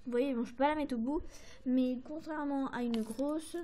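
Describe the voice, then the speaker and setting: High-voiced French woman chatting about crafts. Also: normal speed, warm tone, a little hiss or hum. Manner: chatty, hesitant, many fillers and apologies. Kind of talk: casual show-and-tell to camera.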